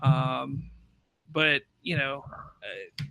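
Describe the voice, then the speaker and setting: A man hosting a podcast, chatting casually about film news in a halting way with repeated restarts. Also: medium pitch, creaky, pushed and bright, no room sound. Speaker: podcast host.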